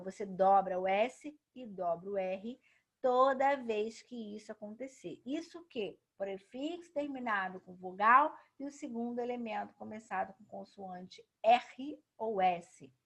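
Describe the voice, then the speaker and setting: A woman's voice: mid-range voice, a bit bright. A woman teacher explaining grammar rules, stressing key words and answering questions she poses herself. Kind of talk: grammar lesson.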